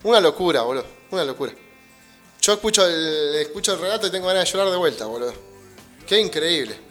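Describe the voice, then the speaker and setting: A man's voice: fairly high pitch, animated, fast talker, sharp tone, soft background music. A man with an Argentine accent hosting a radio talk show, blunt, slangy and emphatic in casual chat. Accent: Argentine Spanish.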